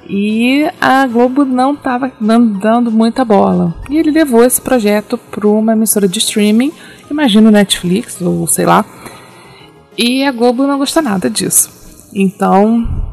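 Female Brazilian host, informal and conversational, mid-pitched with noticeable fry, light music bed. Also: a little mellow. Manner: chatty, informal, seeks agreement with tag questions. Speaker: show host. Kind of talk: casual TV news commentary.

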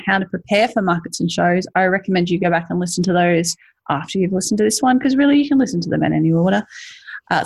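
A woman with a broad Australian accent hosts a casual podcast. Her voice is husky and sits at a middling pitch. She chats informally, like someone at ease behind the mic. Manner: chatty, informal, quick to laugh. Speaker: podcast host.

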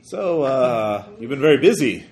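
A man speaking as game master, narrating haltingly and chatting casually, with some swearing. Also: mid-range voice, animated, darkish tone. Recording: faint room noise behind.

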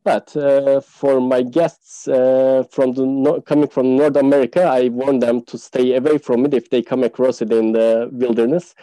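A man speaks as a guest on a casual podcast, describing local dishes and pausing often on "uh". His voice is very dark and mellow. The sound is dry and close, with little room in it. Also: medium pitch, level tone, dry recording, poor audio. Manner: explanatory, many "uh" fillers. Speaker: tour guide guest.

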